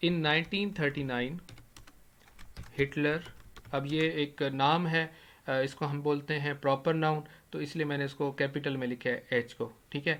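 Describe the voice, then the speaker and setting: Man, grammar teacher, fairly high voice, asks and answers his own questions, slows down for examples, keyboard typing behind. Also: fairly even intonation, fairly bright tone. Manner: explains step by step, asks questions and answers them himself; slows right down to spell out English examples. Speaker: English teacher. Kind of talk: screen-recorded grammar lesson.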